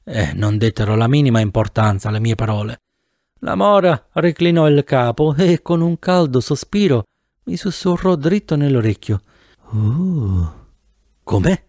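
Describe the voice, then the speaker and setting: A man reading a novel aloud in the first person with an animated, theatrical delivery, close to the mic. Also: medium pitch, normal speed, dry recording. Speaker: audiobook narrator. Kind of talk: expressive audiobook narration.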